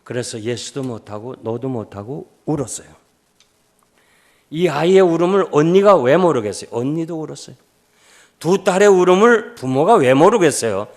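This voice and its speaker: An older man, a retired pastor, preaching a revival sermon. He tells a story with acted-out quotes and swings from hushed, low lines to loud, impassioned calls. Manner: acts out quoted speech in the story. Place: church sanctuary.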